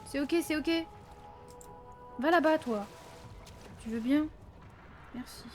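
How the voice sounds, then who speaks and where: Chatty high-voiced woman gaming. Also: slow pace, darkish tone, faint music behind. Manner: chatty, addresses viewers, frequent "hein"; flustered yelps and exclamations under stress. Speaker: let's play gamer. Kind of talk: casual gaming commentary. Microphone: close desk microphone.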